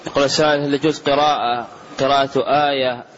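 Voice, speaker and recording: A man reads out questions to a scholar in a plain, formulaic way. His voice stays very flat. The recording is dull and lo-fi, with faint background noise. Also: mid-range voice, quick pace. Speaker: moderator reading out questions. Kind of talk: reading questions aloud.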